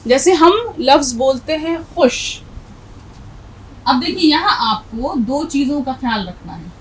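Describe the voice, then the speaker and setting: A woman with a North Indian Hindustani accent teaches Urdu spelling in a patient classroom manner. Her voice sits a little high and rises and falls a lot. She speaks slowly and repeats each example word. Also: expressive, a little hiss or hum, poor audio. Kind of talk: classroom language lesson.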